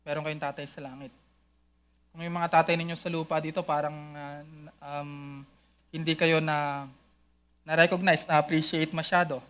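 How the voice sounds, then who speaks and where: A man's voice: a little high, flat delivery, normal speed, clear, resonant tone. A male pastor preaching, switching between Filipino and English, often raising his voice for emphasis. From Philippines. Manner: mixes English into sermon, rising to loud calls. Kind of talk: sermon. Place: church.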